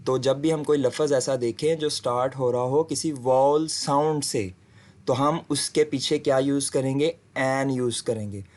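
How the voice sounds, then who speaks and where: A man giving a recorded lesson, reading example sentences slowly and clearly. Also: medium pitch, steady tone, a little mellow. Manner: slow, deliberate reading of English example sentences. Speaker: English teacher. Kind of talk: video lecture.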